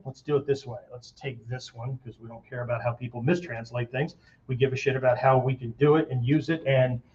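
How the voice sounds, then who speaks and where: A man gives an informal martial arts lesson, talking emphatically and conversationally, often checking in with the listener and adding vocal demonstrations. His voice is mid-range with a darkish tone, and the audio is dull.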